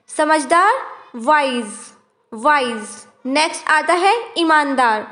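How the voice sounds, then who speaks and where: A woman, teaching vocabulary and repeating each word pair slowly and clearly. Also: high-pitched, fairly bright tone. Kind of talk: slow, deliberate word-by-word vocabulary lesson.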